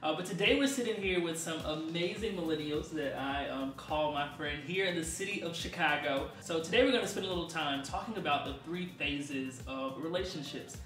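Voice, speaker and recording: Upbeat bright-voiced man hosting. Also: a little high, fairly quick, hardly any pauses, echoey room, distant mic. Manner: upbeat, laughs often. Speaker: podcast host. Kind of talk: casual panel chat. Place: room in Chicago.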